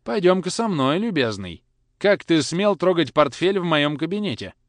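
Harsh strict father, as a man puts him on, scolding in high, loud bursts. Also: very animated, normal speed, no echo. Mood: angry. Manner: scolding, repetitive.

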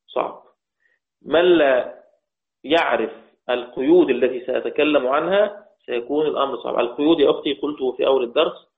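An Egyptian man teaches a recitation lesson at a patient, deliberate pace, repeating himself and posing rhetorical questions. His mid-pitched voice comes through a tinny, phone-like channel with a roomy echo. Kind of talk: recorded lesson. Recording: tinny, echoey lo-fi recording.

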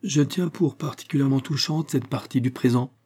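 A man voicing a charming young gentleman who speaks with polished, suggestive courtesy. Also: mid-range voice, fairly quick, husky, voice pushed up, close to an everyday voice. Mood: insinuating.

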